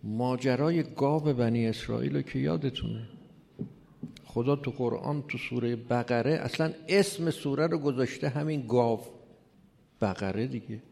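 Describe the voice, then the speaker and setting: A man's voice: mid-range voice, vocal fry. A man giving an informal religious lecture, telling it with rhetorical questions and mocking asides. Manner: rhetorical, mocking, lively storytelling. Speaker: religious speaker. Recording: long hall reverb.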